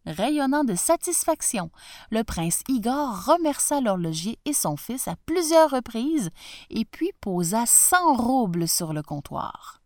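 A woman storyteller reads a storybook aloud in a gentle, expressive voice. She takes her time, and her pitch rises and falls with the tale. The sound is close and dry. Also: slow pace, no echo.

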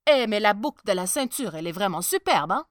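A woman's voice: mid-range voice, very animated, quick pace, no echo, clean studio sound, lightly acted. A woman voicing a blustering male army commander in a storybook reading.

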